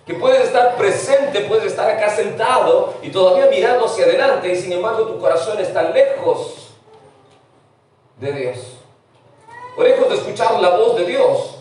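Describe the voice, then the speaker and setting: Pastor, male, middle-aged, preaching; high voice, mic far off in a very echoey church. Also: animated, moderate pace, darkish tone, a little hiss or hum. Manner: mixes English words into Spanish preaching. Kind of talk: sermon. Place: church sanctuary.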